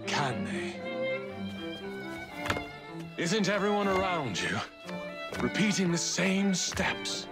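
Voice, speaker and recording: An actor playing a suave, menacing middle-aged Victorian villain, speaking in a slow, measured way as if leading a slow dance. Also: male voice, sits high, very animated, full character voice. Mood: quietly menacing. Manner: slow, measured, counting and philosophizing while slow dancing. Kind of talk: dramatic game cutscene acting. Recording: loud orchestral waltz music behind. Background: loud string dance music.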